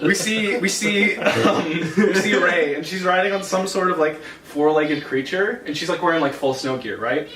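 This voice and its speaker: A man's voice: sits high, moderate pace, hardly any pauses, a loud crowd. A young man hosting, casually reading his own comedy script with lots of giggles and rambling restarts, in an echoey room. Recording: echoey room mic from far off.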